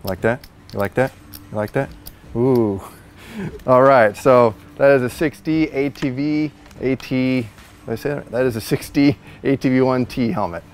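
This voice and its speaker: A man's voice: mid-range voice, measured pace. A man in his thirties in a warehouse, giving a chatty, jokey product walkthrough on a lapel mic and laughing at his own slips. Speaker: store product reviewer. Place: large warehouse, indoors.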